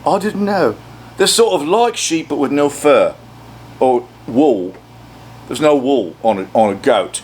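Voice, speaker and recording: A man's voice: medium pitch, expressive, a little slow, darkish tone, a little hiss or hum. A man, a studio producer, chatting casually with dry, rambling jokes. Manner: dry, joking, rambling asides. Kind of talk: casual interview chat.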